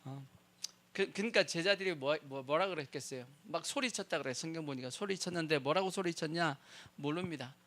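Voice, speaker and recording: A man's voice: on the high side, a little fast, fairly bright tone. A man preaching a sermon as pastor, who keeps asking the congregation questions and answering them himself.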